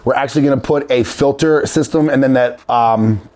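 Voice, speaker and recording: A man's voice: medium pitch, brisk, darkish tone. A man talking informally to his viewers as host of a casual how-to video. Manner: informal, addresses viewers as guys. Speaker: host of a DIY video series.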